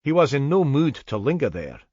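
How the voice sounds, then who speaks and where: A man doing a wry Scottish gentleman. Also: very animated, brisk, no echo. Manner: wry, low-pitched. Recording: dull, dry studio recording.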